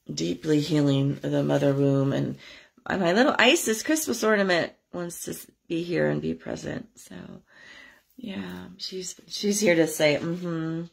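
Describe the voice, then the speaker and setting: A woman with a fairly low voice, stuffy and scratchy from a cold, leading a spiritual workshop. She talks unhurriedly in loose, rambling asides and draws her chants out slowly and steadily. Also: gravelly, slightly rough. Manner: chatty, rambling asides with soft laughs. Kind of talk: guided chanting class.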